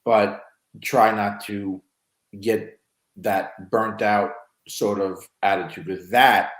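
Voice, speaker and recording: A man's voice: lowish voice, fairly even intonation, slow pace. A man hosting a casual talk show about emergency medical work, talking loosely, with many restarts and "you know"s. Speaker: podcast host. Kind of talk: casual chat. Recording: roomy echo.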